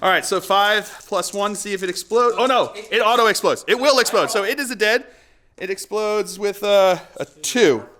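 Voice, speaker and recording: At a moderate pace, a man with a high, bright voice acts as host and player, giving a relaxed play-by-play of a tabletop battle and calling each dice roll. He laughs a lot and whoops with excitement as fortunes turn.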